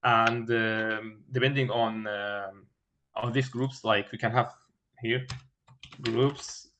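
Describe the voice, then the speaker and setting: Halting man thinking aloud through a design. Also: mid-range voice, level tone, fairly bright tone, dull audio, slight background noise. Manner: halting, searching for words with many filled pauses and repeated starts. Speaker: engineering candidate in a mock system design interview.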